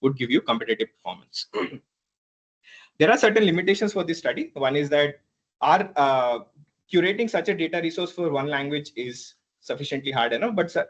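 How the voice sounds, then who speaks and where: A man presenting a PhD thesis defense in a halting, hedging academic way, often repeating words and clearing his throat. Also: a little high, lively intonation, dull audio. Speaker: PhD candidate.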